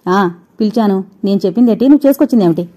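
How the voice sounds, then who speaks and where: A woman voicing an angry, domineering young husband who shouts and scolds. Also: mid-range voice, steady tone, fast talker, lightly acted. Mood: angry shouting.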